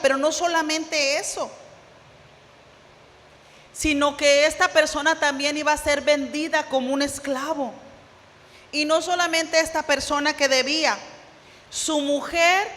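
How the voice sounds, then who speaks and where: A woman's voice: high voice, a bit bright, in a large hall. A woman pastor preaching a sermon, retelling a parable and putting questions to her congregation. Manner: storytelling, acts out parable dialogue, rhetorical questions to congregation. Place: church sanctuary.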